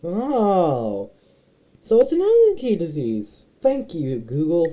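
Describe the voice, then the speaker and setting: A man with a very dark, mellow voice gives loose, joking commentary as he reacts to a video. His pitch jumps around a lot as he chats along over the clip. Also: wildly swooping pitch, slow pace. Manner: chatty, joking, laughs often, talks over the video.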